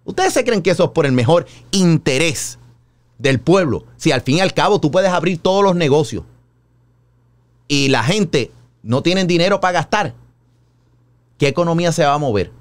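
A Puerto Rican man hosting a radio call-in show, giving animated, joking, colloquial opinions. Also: fairly high pitch, moderate pace, pauses often.

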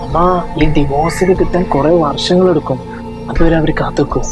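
A man's voice: a little high, brisk, echoey room, over music, lightly acted, low-quality recording. A young man playing a loyal husband who pleads and reasons in a short film drama. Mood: reasoning. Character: loyal young husband, defends his wife.

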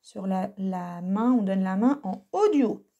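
A woman teaching a recorded lesson for young children, speaking slowly and patiently and carefully sounding out letters. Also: medium pitch, lively intonation, dark tone, lo-fi sound. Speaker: primary school teacher.

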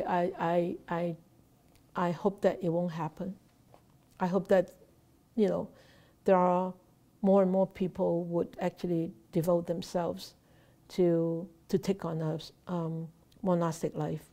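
A middle-aged Buddhist nun from Hong Kong with a Hong Kong accent, giving a slow, halting Dharma talk with many restarts, recorded on a laptop webcam in a temple shrine room. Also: female voice, on the low side, dark tone.

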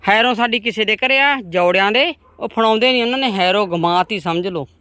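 A woman's voice: mid-range voice, a little fast, a bit bright. A woman, chatting homely to viewers as she walks outdoors through her farm's vegetable plots. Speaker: vlogger. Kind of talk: casual farm vlog talking to viewers.

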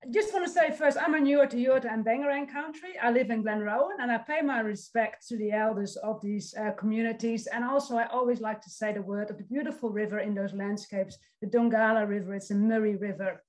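A Dutch social work lecturer in her forties, speaking with a Dutch accent, gives an encouraging online presentation to a youth summit over a video call. Her highish voice is brisk with few pauses, and she's friendly, reading out audience comments, though the recording quality is low.

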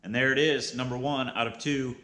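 A man's voice: medium pitch, steady tone, brisk, over loud music. A man in his thirties narrating a casual how-to vlog in a plainspoken, explanatory way, as its host. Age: 30s. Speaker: vlog host, beginner beekeeper. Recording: clearly noisy, with background ambience.

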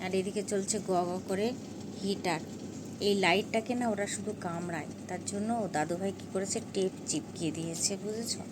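A woman's voice: mid-range voice, steady tone, fairly quick, background noise. Chatty woman vlogging with her cats. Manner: fond, chatty, coaxing pets with repeated calls. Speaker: cat owner vlogger. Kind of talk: casual home vlog narration.

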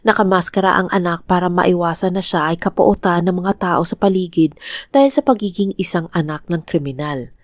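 A Filipino-accented woman tells a true crime story in a calm, measured narrating voice. Her voice sits a little low, and the recording is dry and close, with no room sound. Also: no room sound. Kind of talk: scripted narration.

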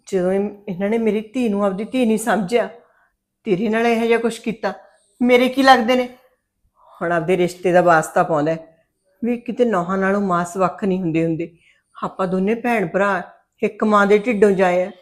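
A woman's voice: mid-range voice, lightly acted. A middle-aged woman with a Punjabi accent, playing a mother who reassures her daughter in a web series drama. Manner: protective, reassuring.

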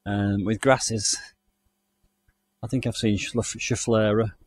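A man from the UK gives a chatty, enthusiastic walking tour of a country garden outdoors, thinking aloud and feeling hot and overdressed as he walks. He records it on a handheld camera mic while moving. His voice is low and slightly rough, slow, with little pitch movement.

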